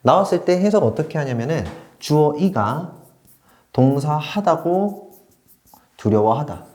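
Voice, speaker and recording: A man's voice: a little high, animated, unhurried, darkish tone, roomy sound. A man teaching an English grammar lesson, often checking whether learners follow and switching between polite and casual speech. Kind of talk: online grammar lecture.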